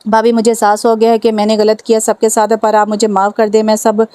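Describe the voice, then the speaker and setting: A woman's voice: on the high side, completely flat delivery, fairly quick, mellow, smooth, no room sound, natural voice. A woman voicing a reckless teenage boy with careless, offhand replies in a read-aloud novel. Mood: defiant. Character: reckless teenage boy, defiant then remorseful.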